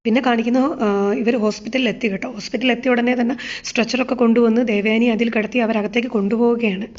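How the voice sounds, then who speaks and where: A woman's voice: on the high side, steady tone, fast, darkish tone. A woman casually retelling a TV serial episode, chatty, full of fillers and asides to the listener. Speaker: serial recap narrator. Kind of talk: casual spoken episode recap with quoted dialogue. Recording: dull lo-fi sound.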